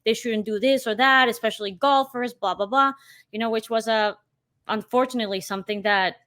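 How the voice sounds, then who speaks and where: A woman's voice: a little high, fairly even intonation, a little fast, fairly bright tone. A woman in her thirties from Colombia, a podcast guest talking casually and emphatically, with plenty of "you know". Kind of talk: casual interview chat.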